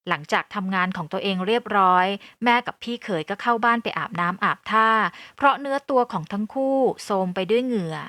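Woman narrator for an audio novel, calm and even, bright crisp voice, dry booth sound. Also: medium pitch, no room sound. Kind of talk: scripted first-person novel narration.

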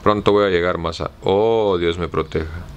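A man with a Mexican accent reading the part of a simple, fearful male servant in an audiobook, in a slow, plain way. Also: sits low, steady tone, dull audio, a little hiss or hum, natural voice. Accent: Mexican Spanish.

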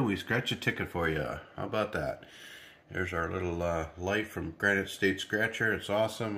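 A man with a fairly low, fairly bright voice hosts a lottery scratch-off channel from his kitchen table, and his nose sounds stuffy and congested. He chats and rambles to viewers as he scratches tickets, offering casual commentary.

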